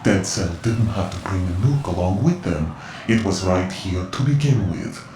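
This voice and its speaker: An actor playing a mysterious male ninja informant with a Russian accent, giving cryptic, measured warnings. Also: deep voice, lively intonation, noisy background. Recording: echoey game audio over music.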